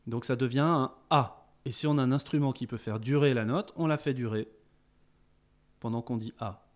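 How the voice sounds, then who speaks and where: A man teaching a beginners' rhythm lesson, explaining calmly between chanted counting exercises. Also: medium pitch, normal speed. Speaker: music teacher.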